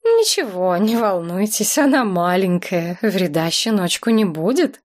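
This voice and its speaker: A woman voicing a calm, polite middle-aged man who speaks in an unruffled, soothing way. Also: medium pitch, measured pace.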